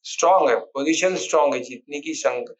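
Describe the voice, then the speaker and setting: Man, spiritual teacher, informal scripture talk, rhetorical questions, repetitive, slightly high voice, muffled lo-fi sound. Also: a little fast. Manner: conversational, rhetorical questions, repeats key words, restarts. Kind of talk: informal Hindi discourse on scripture.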